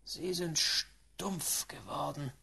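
A reader voicing a reserved, earnest Englishman who speaks in a hushed, half-whispered, measured way in an audiobook. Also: medium pitch, gravelly, husky, heavily acted. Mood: grave. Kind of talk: audiobook reading.

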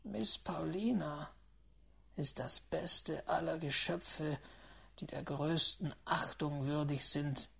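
A reader voicing a reserved, earnest Englishman who speaks in a hushed, half-whispered, measured way in an audiobook. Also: medium pitch, gravelly, husky, exaggerated voice. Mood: stern. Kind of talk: audiobook reading.

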